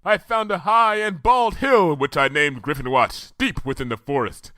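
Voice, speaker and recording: A man voicing Princess Luna, booming royal mare. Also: moderate pace, bright, forceful tone, no echo, clean studio sound. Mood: grand. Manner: archaic, booming proclamations. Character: regal, loud, impulsive female moon princess pony.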